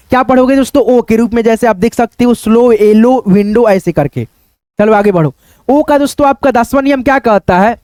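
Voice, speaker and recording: High-pitched guy teaching english spelling, lots of "okay friends", dry sound. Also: a little mellow, no room sound. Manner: repetitive, keeps saying "okay friends" and "look here"; spells words letter by letter, then says them slowly. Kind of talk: spelling out words in a Hindi English lesson.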